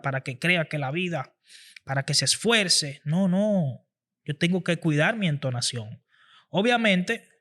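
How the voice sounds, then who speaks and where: High-voiced man giving a motivational talk. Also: fairly bright tone. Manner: earnest, teaching, repeats phrases for emphasis. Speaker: podcast host. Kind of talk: motivational talk on public speaking.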